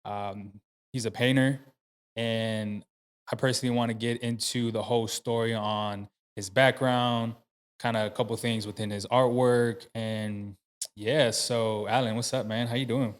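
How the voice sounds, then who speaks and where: A man's voice: medium pitch, steady tone, measured pace. A man hosting a podcast, talking casually in a loose, rambling way with many fillers and restarts. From United States. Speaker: podcast host. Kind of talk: casual interview chat. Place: podcast studio.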